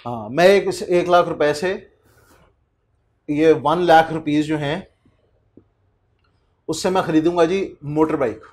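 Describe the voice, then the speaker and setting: Speaking in a rather high voice, a man in his thirties from Pakistan teaches accountancy in a relaxed, conversational manner. Slow readings of English passages alternate with rhetorical questions to the students.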